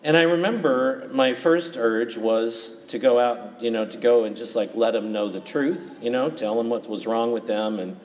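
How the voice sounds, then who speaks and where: Priest in cathedral echo. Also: male voice, mid-range voice, normal speed, hardly any pauses. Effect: long cathedral-like church echo. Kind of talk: gospel reading and homily at Mass. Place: large church. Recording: reverberant church, faint background noise.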